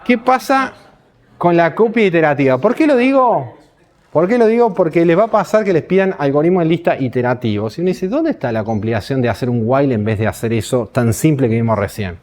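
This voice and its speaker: A Uruguayan man with a Rioplatense Spanish accent gives a university programming lecture in a lecture hall, walking through the material step by step and tossing rhetorical questions at the class. His voice is medium in pitch and a little mellow, with lively intonation, and he talks fast.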